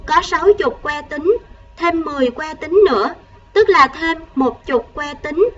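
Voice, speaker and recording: A woman primary school teacher giving a recorded math lesson to first graders, counting patiently and gently coaxing the children along. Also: high-pitched, measured pace, distant mic, muffled recording, faint music behind.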